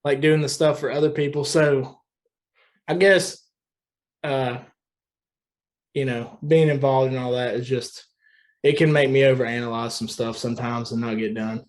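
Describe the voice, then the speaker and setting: A man's voice: medium pitch, steady tone, moderate pace, pauses often. A young man from West Virginia, a guest musician talking loosely in a casual podcast chat, often saying dude.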